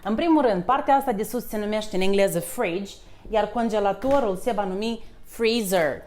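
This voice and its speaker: A woman teaching English words in a playful, casual way in her home kitchen. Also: medium pitch. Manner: lively, playful, switches between two languages. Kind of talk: casual bilingual lesson.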